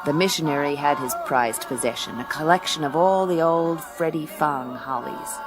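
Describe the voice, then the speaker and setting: This radio-play actress plays a tough woman gumshoe with a dry, blunt, slangy wit, narrating her case as music runs beneath. Her voice is low-pitched and natural, at normal speed. The audio quality is poor.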